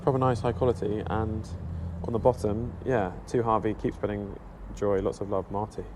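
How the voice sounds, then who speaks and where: On a live stream from a café stop outdoors in central London, a British motorcycle vlogger in his thirties chats to viewers casually and self-deprecatingly. His voice is on the low side, with little pitch movement and normal speed, captured by a small action-camera helmet mic against a noisy background.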